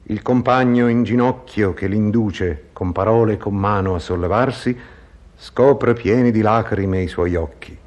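A man giving a dramatic poetry recitation in measured, declamatory phrases. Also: lowish voice, a little mellow.

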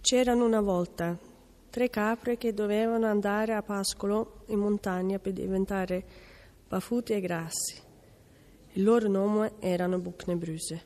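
A woman reading a children's fairy tale aloud in a lively, expressive storyteller manner. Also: medium pitch, measured pace. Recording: long hall reverb.

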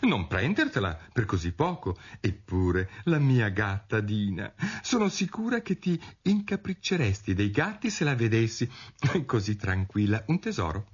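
A chatty, well-meaning young girl talks eagerly in a raised, lively voice, as a man puts her on. Her pitch bounces up and down as she chatters on. The storybook reading comes through a dull, muffled radio recording. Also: unhurried, slightly rough, exaggerated voice.

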